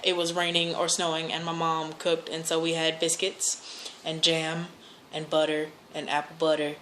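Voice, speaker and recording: A woman's voice: low-pitched, monotone, moderate pace, fairly bright tone. An American woman chatting casually and answering questions, rambling and hesitant as she corrects herself. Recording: noticeable background noise.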